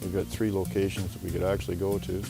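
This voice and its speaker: A man hunter talking about his preparation in a relaxed way, with many fillers. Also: low voice, fast, creaky, over music. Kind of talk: casual interview.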